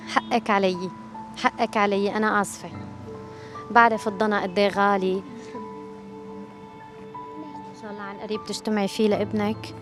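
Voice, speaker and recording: A woman with a Syrian Arabic accent, working as an interviewer on camera in the street. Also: medium pitch. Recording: background music under voice.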